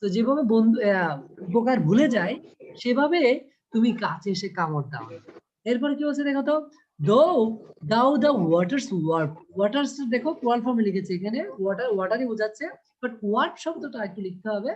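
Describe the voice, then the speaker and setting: A man teaching an online class, explaining patiently and reading lines slowly. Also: very high voice, expressive, slight background noise. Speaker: English teacher. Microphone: video call. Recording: dull lo-fi video call audio.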